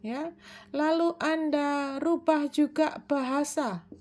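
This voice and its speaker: A woman giving a self-improvement talk, explaining in a measured way, posing questions and answering them herself, with frequent hesitation fillers. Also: sits high, steady tone.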